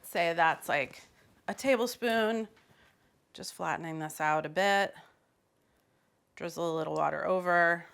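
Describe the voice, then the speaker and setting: A woman's voice: lowish voice, measured pace, creaky, long pauses, a bit bright, smooth. Chatty woman teaching in a kitchen. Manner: chatty and playful, with loose fillers. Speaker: cooking host. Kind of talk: casual cooking demonstration. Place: home kitchen.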